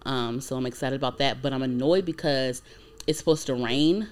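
A woman's voice: very deep voice, moderate pace. A woman in her twenties co-hosting a casual podcast, talking in a loose, rambling way full of likes and ums. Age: 20s. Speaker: podcast co-host.

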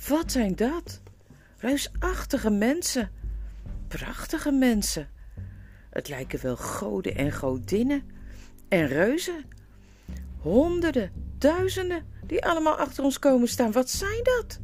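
A woman voicing an excitable, skeptical male dwarf in a storybook reading. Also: high-pitched, slow pace, pauses often, soft background music, voice pushed up, heavily acted. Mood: amazed.

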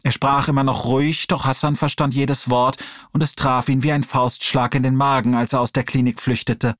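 A man reading an audiobook chapter aloud in a steady storytelling delivery. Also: medium pitch, moderate pace, no room sound, clean studio sound. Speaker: audiobook reader. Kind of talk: audiobook narration.

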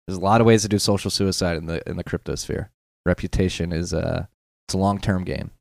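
A man with a very deep voice and a gravelly, fry-heavy texture. He talks as a podcast guest in a loose, unscripted way. He often hesitates and downplays what he knows, and the dry, close sound has no room echo. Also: fairly quick. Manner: hesitant, self-deprecating, many fillers. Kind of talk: casual podcast conversation.

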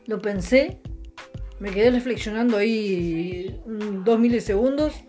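A man's voice: high-pitched, unhurried, a little mellow, soft background music. Rambling young Rioplatense guy telling stories. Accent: Argentine Rioplatense Spanish. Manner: meandering, full of restarts and fillers, chuckles at his own jokes; sarcastic, offhand. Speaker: comedian. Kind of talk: rambling stand-up storytelling monologue.

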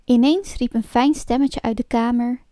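Woman storyteller with a fairly high voice, reading a fairy tale aloud, lively and expressive. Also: normal speed, no room sound, studio quality. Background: faint music.

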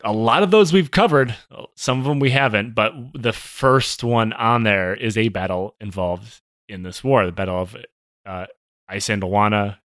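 Dude rambling on a podcast, lots of uhs and swearing, dry close mic. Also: male voice, fairly low pitch, fairly bright tone, no room sound. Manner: jokey, profane, rambling with many fillers. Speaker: podcast co-host. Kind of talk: casual history podcast chat.

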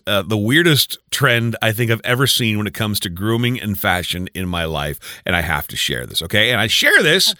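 An animated man co-hosting a radio show, his voice bright and forceful and swinging widely in pitch. He talks in chatty, casual banter and laughs easily. The studio sound is dry and close. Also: no echo. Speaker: radio co-host.

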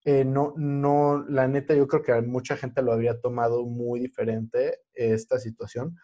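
Mexican guy podcast host, soft mellow voice, super slangy, throws english words in, just chatting. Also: medium pitch, level tone, normal speed. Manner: slangy young urban Mexican speech with English words mixed in. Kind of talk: casual podcast chat.

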